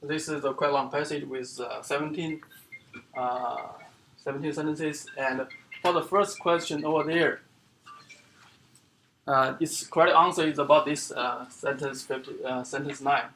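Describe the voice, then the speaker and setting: A man giving an academic seminar lecture as the speaker, explaining in a halting way with many fillers and restarts. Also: fairly high pitch, fairly even intonation, fairly bright tone, slight background noise. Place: lecture room.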